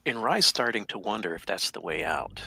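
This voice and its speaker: A man's voice: fairly low pitch, very animated, brisk, gravelly, sharp tone, husky. A man playing a tabletop horror game, speaking bluntly and sometimes in a whisper. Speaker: player. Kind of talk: tabletop role-play.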